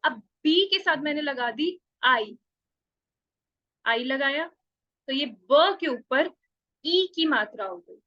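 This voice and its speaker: A woman's voice: high-pitched, expressive, slow, pauses often, pushed and bright, lo-fi sound. A woman teaching a beginners' Spanish class online, stretching out letter sounds and checking often that students follow. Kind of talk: online language lesson.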